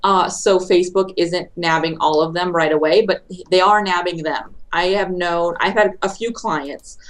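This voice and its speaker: A woman guest on a podcast explaining social media marketing in a brisk, chatty way that tends to ramble. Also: lowish voice, steady tone, low-quality recording. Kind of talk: casual interview chat.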